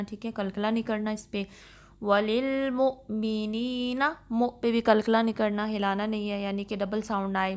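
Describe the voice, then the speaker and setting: A woman teaching a step-by-step recitation lesson, patiently explaining pronunciation and mixing English terms into her speech. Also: mid-range voice. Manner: patient, instructive, mixes English terms into Urdu.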